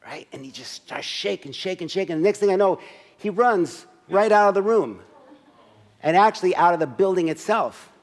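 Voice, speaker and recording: A man in his sixties tells a personal story as a one-man stage piece, with a voice a bit higher than most men's. He keeps it conversational and acts out each moment with asides to the audience. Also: lively intonation, moderate pace. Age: 60s. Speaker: solo stage performer. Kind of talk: autobiographical storytelling monologue. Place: church service.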